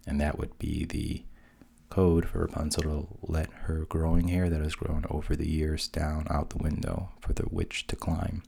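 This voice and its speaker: A man narrates old fairy tales in a hushed, often half-whispered delivery, slipping in dry, deadpan asides. His voice sits extremely low and is heavily gravelly. It also carries a husky edge. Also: moderate pace. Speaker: storyteller.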